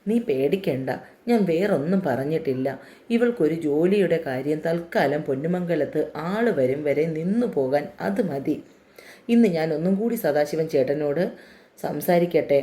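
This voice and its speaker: A woman's voice: sits low, warm tone, lightly acted. A woman reading a story, voicing a bold, chatty village woman who teases and coaxes. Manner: bold, teasing, coaxing.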